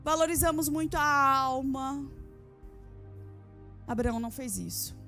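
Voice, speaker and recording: A woman's voice: high-pitched, unhurried, pushed and bright, soft background music. A woman pastor preaching a sermon to a church congregation, driving her points home with repeated phrases and rhetorical questions. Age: adult with a daughter. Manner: addresses the women of the congregation directly. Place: church service.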